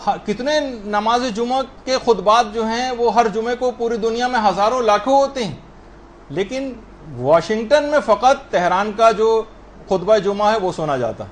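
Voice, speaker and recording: High-voiced man giving a religious lesson. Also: expressive, slight background noise. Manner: earnest, explanatory, demonstrates pronunciation. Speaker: religious teacher. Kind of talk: lecture on prayer to a female audience.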